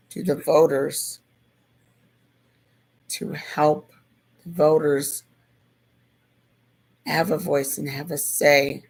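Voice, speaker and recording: A hoarse speaker who is losing their voice, giving a casual, slow and thoughtful civics explanation that circles back over its points. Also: medium pitch, a little mellow, rough recording.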